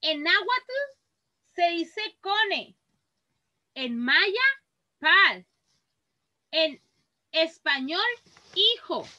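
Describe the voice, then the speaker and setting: Very high-voiced Mexican teacher, slow and bright. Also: female voice, poor audio. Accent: Mexican Spanish. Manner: patient, reads words aloud slowly and clearly. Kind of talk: online class for children.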